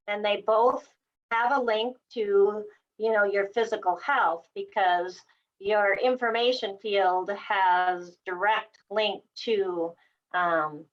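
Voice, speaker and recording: A woman hosting a casual chat, explaining things step by step in a reassuring way. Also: medium pitch. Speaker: host. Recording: dull lo-fi sound.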